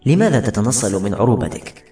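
A man's voice: lowish voice, big pitch swings, fast talker, dark tone. A man voicing a proud young knight who speaks earnestly, his pride wounded. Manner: earnest and hurt. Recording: echoey room with music.

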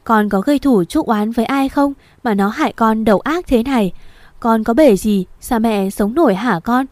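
Grieving middle-aged mother, read by a woman narrator, audio novel, mellow tone. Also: fairly high pitch, moderate pace, no room sound, close to an everyday voice. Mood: anguished. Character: grieving middle-aged mother wailing over her daughter.

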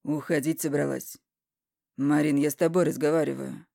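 A woman reading an audiobook voices a blunt, stubborn middle-aged husband with loud, curt retorts. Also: low-pitched, fairly even intonation, normal speed, creaky, no room sound, clean studio sound, pitched below the performer's own voice. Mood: irritated. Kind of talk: audiobook character voicing.

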